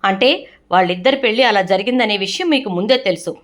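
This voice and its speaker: A woman voicing a stern, angry middle-aged family patriarch in a retold serial, scolding and shouting. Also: medium pitch, fast, lightly acted.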